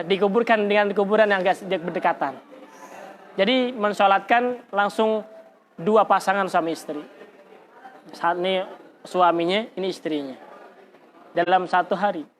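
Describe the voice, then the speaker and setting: Man teaching religion, teasing. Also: sits high. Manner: casual, teasing, laughs often, rhetorical questions. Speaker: Islamic teacher. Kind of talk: religious study lecture.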